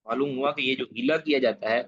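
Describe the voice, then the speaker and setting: A man's voice: mid-range voice, steady tone, no echo. A man from Pakistan gives an online Islamic studies lecture, explaining each Arabic phrase and repeating the key points with emphasis. His voice sits in an ordinary middle register. The sound comes through a dull, lo-fi call that is dry and close. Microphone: video call. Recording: dull lo-fi online class audio.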